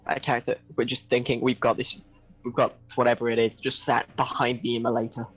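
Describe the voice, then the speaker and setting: A man's voice: mid-range voice, level tone, fairly quick, breathy edge, rough recording. A man playing a tabletop roleplaying game, talking casually in and out of character. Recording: music playing behind the voice.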